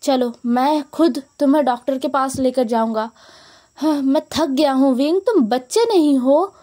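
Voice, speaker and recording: A woman's voice: high-pitched, moderate pace, warm tone, lightly acted. Woman doing a firm, caring old granny. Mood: insistent. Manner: insistent, scolding out of concern. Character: elderly grandmother, caring and firm.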